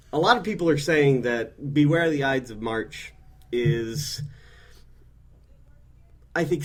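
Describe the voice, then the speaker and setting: A man co-hosting a wrestling podcast, talking earnestly and asking questions with dry sarcasm. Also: medium pitch. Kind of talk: podcast interview.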